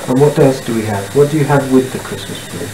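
A father filming a home video indoors gently prompts a small child with easy questions, captured on aging VHS. His voice sits at medium pitch and moves at a quick pace, and the recording is noisy and full of echo.

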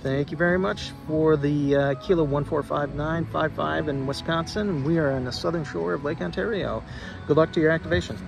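A man's voice: on the high side, fairly even intonation, a little fast, gravelly, music in the background, poor audio. A man working as an amateur radio operator, repeating reports and spelling call signs in the phonetic alphabet. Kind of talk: amateur radio contact calling. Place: outdoor park radio activation.

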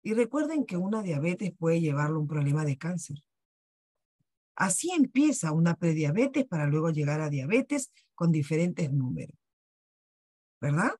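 A woman with a Peruvian Spanish accent hosts a wellness workshop over a video call, giving a persuasive sales presentation sprinkled with rhetorical questions. Her voice is deep, dark, and husky with big pitch swings and a moderate pace, captured in clean studio sound with no room echo.

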